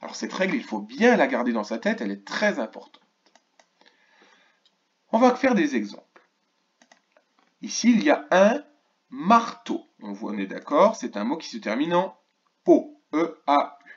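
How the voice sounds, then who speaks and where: A man teaching a remote lesson to first graders, slowly and clearly sounding out words and asking the class questions. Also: on the high side, sing-song, muffled recording. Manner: slow, clearly articulated, stretches key words; asks questions of an absent class. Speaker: primary school teacher.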